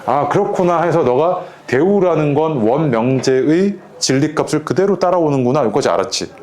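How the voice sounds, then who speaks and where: A man's voice: a little high, animated, moderate pace, warm tone. A man teaching a math lesson in a casual, conversational way, often asking his students whether they follow. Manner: casual, keeps checking in with students. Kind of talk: lecture to students.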